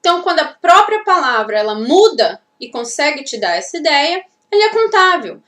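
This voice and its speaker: A woman from Brazil teaches English grammar, explaining each rule step by step and checking in with her students. Her voice is high and bright. She sounds a little far from the mic in an echoey room. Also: very animated, a little fast. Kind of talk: classroom-style grammar lesson.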